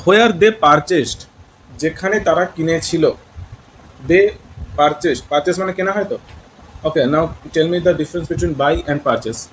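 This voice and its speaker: A man's voice: on the high side, slow, a little hiss or hum, low-quality recording. A man teaching an English lesson in Bengali with a West Bengal accent, mixing in English words and questioning his students. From West Bengal, India.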